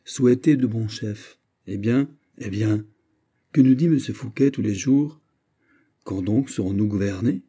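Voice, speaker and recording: A man voicing a witty, playful poet who argues with quick teasing replies in an audiobook. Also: fairly low pitch, warm tone, breathy edge. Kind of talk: audiobook character voice.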